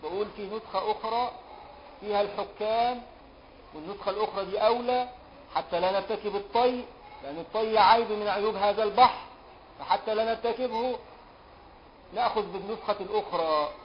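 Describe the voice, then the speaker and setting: An Egyptian man, a sheikh giving a classroom lesson on a law text, who chants verses slowly and quizzes his students in colloquial speech. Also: high voice. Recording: dull lo-fi lecture recording with faint hiss.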